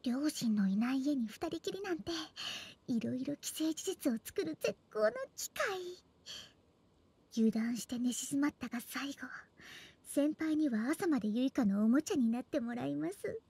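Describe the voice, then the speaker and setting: A woman's voice: high-pitched, lively intonation, normal speed, long pauses. An actress playing a teasing, clingy schoolgirl in love, in sweet, intimate pillow talk for an audio drama. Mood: sly whispering. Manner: sweet, coaxing pillow talk with whispered asides.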